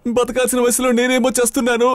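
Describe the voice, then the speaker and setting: A whiny heartbroken drunk. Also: male voice, very high-pitched, monotone, quick pace, background noise. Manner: whiny, self-pitying. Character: heartbroken young man, drunk and melodramatic. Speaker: film character. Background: film score music.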